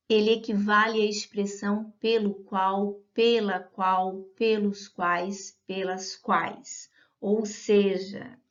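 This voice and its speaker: A woman gives a patient grammar lesson and keeps checking that her students follow. Her voice sits in a middle range. The audio is a little dull and lo-fi. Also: mid-range voice. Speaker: Portuguese teacher.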